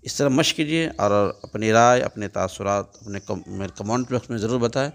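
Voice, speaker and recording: A man teaching Quran recitation, spelling out letters and vowel marks step by step and switching between chanted recitation and plain spoken explanation. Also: fairly low pitch. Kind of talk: recitation lesson.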